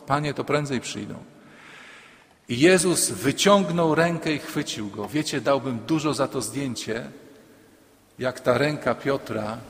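A man's voice: mid-range voice, gravelly. A man, a priest, preaching a sermon emphatically, repeating key lines and dropping humorous asides. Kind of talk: sermon to a congregation. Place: church. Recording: long church reverb.

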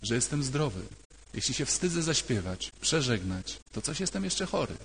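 A man's voice: medium pitch, very animated, normal speed, a bit bright, slight background noise. An older man, a priest, giving a sermon in a conversational, emphatic way and repeating key phrases. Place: church. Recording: long church reverb.

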